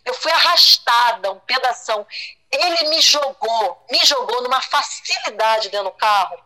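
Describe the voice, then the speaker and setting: A woman's voice: on the high side, animated, normal speed, bright, forceful tone, low-quality recording. A middle-aged woman from Brazil telling a distressing personal story, with many restarts and repeated words. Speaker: guest telling her story.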